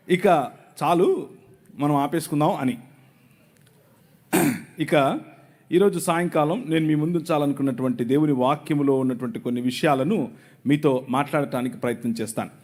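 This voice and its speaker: A man's voice: a little high, animated, normal speed, pauses often. A man from Andhra Pradesh preaching a sermon before a large live crowd, mixing joking asides with patient explanations. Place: large venue before thousands.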